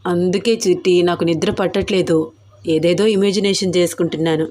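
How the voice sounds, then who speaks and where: A woman's voice: mid-range voice, moderate pace, darkish tone, lightly acted. A woman voicing a pushy, teasing young husband in a read-aloud love story, coaxing and insistent. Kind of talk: storybook character voice.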